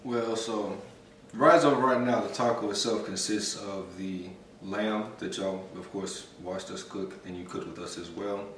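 Thirties man, low easygoing cooking-vlog voice, roomy kitchen sound. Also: fairly even intonation, a little slow, a bit bright, recorded from a distance, a little hiss or hum. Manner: laid-back, explains step by step. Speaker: co-host cooking. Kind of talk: casual cooking vlog chat. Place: home kitchen, indoors. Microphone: camera mic from a few feet away. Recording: echoey kitchen, from off the mic.

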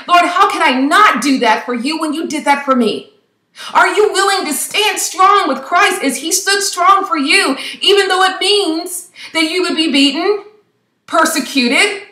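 A woman's voice: high-pitched, sharp tone, roomy sound. A woman giving an impassioned devotional talk to camera, preaching fervently and firing off rhetorical questions.

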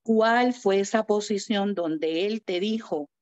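A woman's voice: medium pitch, takes it slowly. Woman, sermon, acts out quoted voices, muffled lo-fi sound, no room echo. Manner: animated storytelling, acting out quoted voices. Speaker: preacher.

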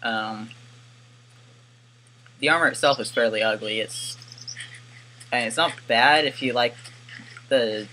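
Man, gameplay commentary, wry rambling asides, bright tone, faint background hiss. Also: mid-range voice, takes it slowly, pauses often. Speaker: gaming YouTuber.

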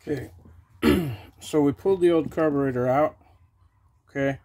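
Mellow-voiced man explaining a repair. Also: a little high, normal speed. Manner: plain, practical step-by-step explaining with frequent "okay"s. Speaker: small-engine repair host. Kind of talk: casual how-to narration while working. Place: home workshop bench, open to the outdoors.

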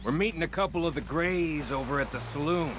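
An actor playing a gruff middle-aged outlaw in a video game, giving curt orders through noisy game audio. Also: male voice, fairly high pitch, fairly quick, natural voice.

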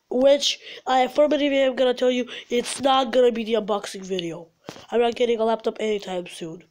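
A sick, congested woman with a fairly high voice commentates her mobile game, recorded on her phone's built-in mic. As the game glitches, she gets frustrated, swearing and yelling at it.

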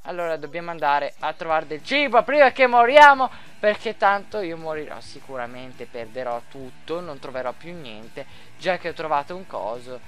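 A man chats his way through a game in a loose, joking ramble, tossing in rhymes and bursting into sudden excited yells. His voice is clean and smooth, with pitch that swings widely. Soft guitar music plays faintly underneath. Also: normal speed, hardly any pauses. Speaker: gaming video host. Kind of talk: casual gameplay commentary.

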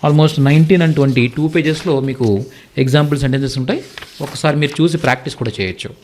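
A man teaching a Hindi lesson, explaining slowly and repeating each word for learners. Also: on the high side, a little mellow. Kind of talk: spoken language lesson.

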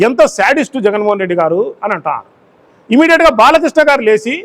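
A man's voice: very high-pitched, fairly bright tone. A man, a local party in-charge, giving a political press statement full of repeated rhetorical questions.

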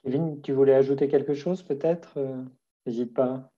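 A man's voice: medium pitch, fairly even intonation, normal speed, dull audio. A man moderating an online session, reading out audience questions with many fillers.

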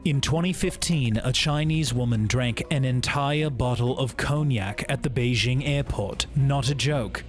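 A man reading a scripted explainer narration in a brisk, even manner. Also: mid-range voice. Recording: faint music bed behind voice.

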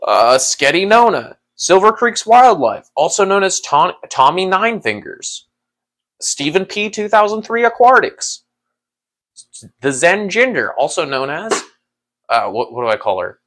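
A man hosting a casual livestream who rambles in a relaxed way, laughs often and talks to his chat. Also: high voice, measured pace. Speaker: livestream host.

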